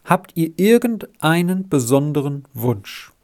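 Kind, firm father in a storybook, a slow gravelly reader voices him. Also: on the high side, very animated, a little mellow. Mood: kindly.

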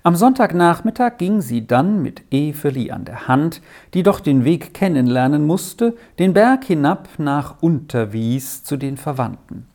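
A reader narrating a children's story in a gentle, measured way. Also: mid-range voice, lively intonation. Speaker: audiobook reader.

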